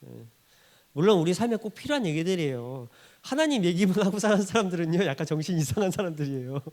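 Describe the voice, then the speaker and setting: A man's voice: high-pitched, very animated, quick pace, darkish tone. A male pastor preaching a sermon in a church, acting out quoted voices and laughing often.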